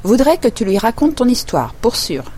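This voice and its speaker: A woman reader voicing a gruff, bossy male griffon in a storybook, speaking high and loud with a brusque, scolding manner. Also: very animated, normal speed, a little hiss or hum.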